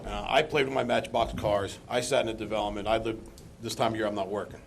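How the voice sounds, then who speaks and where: A resident speaking during public comment at a town council meeting argues about local traffic, rambling and colloquial. He talks fast in a lowish voice with fairly even intonation.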